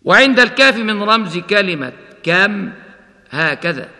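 Slow, measured male recitation teacher, chanting examples melodically, long reverb tail. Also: high voice, lively intonation, bright, forceful tone. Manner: explains each rule, then chants the example words slowly. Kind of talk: tajweed lesson with recited examples.

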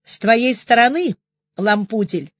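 Woman reading a grumbling, mocking cop, quick retorts, audiobook. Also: a little high, lively intonation, dry recording, highs cut off. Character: gruff, joking male police officer.

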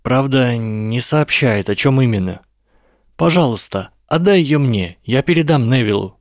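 A man voicing an excitable, loud schoolboy wizard in a read-aloud story, pitched well above his own voice. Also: a little slow, no room sound, clean studio sound. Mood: pleading. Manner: shouting, indignant.

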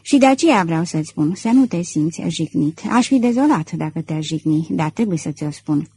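Woman voicing a suave gentleman thief. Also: medium pitch, animated, breathy edge, low-quality recording. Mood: gently warning. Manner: self-assured, cool and controlled. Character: suave middle-aged male gentleman thief. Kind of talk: audiobook character reading.

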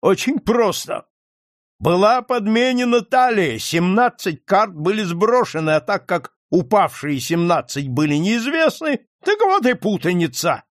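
A man reading an audiobook, voicing a red-mustached gentleman who explains matter-of-factly. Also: high voice, sing-song, measured pace, no room sound, studio quality, voice pushed up.

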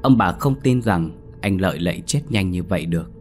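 A man narrating a scripted ghost story in a steady, solemn reading. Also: sits low, a little fast, faint music behind.

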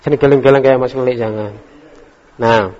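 A man's voice: mid-range voice, steady tone, normal speed, a little mellow. A man teaching an Arabic language class, calling on students by name, quizzing them on words and correcting their reading. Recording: echoey hall, dull lo-fi recording.

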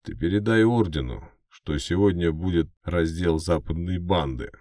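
A man's voice: sits low, moderate pace, a little mellow, no echo, clean studio sound, pitched above the performer's own voice, close to an everyday voice. A man voicing a battered, sardonic young protagonist with a curt, muttering manner in a fantasy audiobook. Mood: dry, curt.

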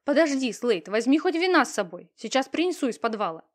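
Woman narrator doing fussy landlady, chatters fast and high, storybook. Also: animated. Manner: rapid chatter.

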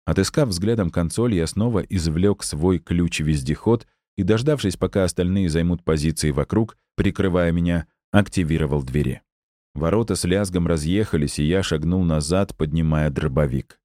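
Deep-voiced male audiobook narrator. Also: moderate pace, mellow, dry recording, studio quality. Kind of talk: scripted first-person narration.

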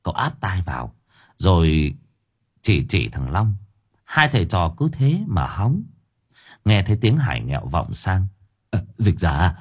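Husky male narrator, lowish, animated, colloquial. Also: measured pace, pauses often. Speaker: audiobook narrator. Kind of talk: storytelling narration.

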